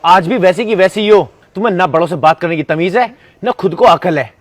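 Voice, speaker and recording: A man's voice: on the high side, brisk, natural voice. A man playing a protective adult son scolding his ex-girlfriend in a short acted skit. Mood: angry. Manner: indignant, scolding.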